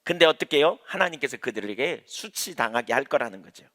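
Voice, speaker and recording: A man's voice: medium pitch, lively intonation, quick pace, pushed and bright. A man preaching an evening sermon in church as its pastor, emphatic, repeating key phrases and asking rhetorical questions. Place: church, evening prayer service. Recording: reverberant church hall.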